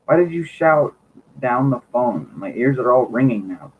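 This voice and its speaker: A man's voice: medium pitch, big pitch swings, moderate pace, slight background noise, close to an everyday voice. A man reading the lines of a grumpy middle-aged father grumbling on the phone. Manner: grumbling, irritable. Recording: tinny phone-like lo-fi recording.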